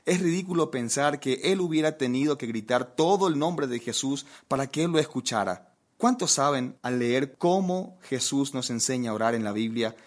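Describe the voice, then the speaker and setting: A man with a mid-range voice preaches at a normal speed, telling a funny anecdote with lively energy. He asks his listeners questions as he goes, making it a humorous bit of sermon storytelling.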